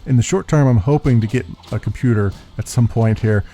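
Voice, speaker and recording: A deep-voiced YouTube gaming channel host rambles through a channel update, halting often with uhs and restarts. He speaks into a USB desktop condenser mic while soft music plays in the background.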